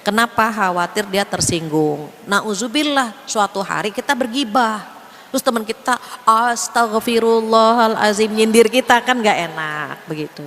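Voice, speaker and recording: A woman's voice: mid-range voice, normal speed, long reverb tail. A woman preacher giving a casual religious lecture in a chatty way, acting out bits of everyday talk. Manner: chatty, acts out quoted speech in lively voices. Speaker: female Islamic preacher.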